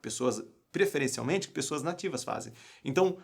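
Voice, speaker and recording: A man's voice: a little high, expressive, fairly quick, creaky, breathy edge. A young Brazilian man, an English teacher and coach, giving a live online class in an emphatic way and often asking his viewers rhetorical questions.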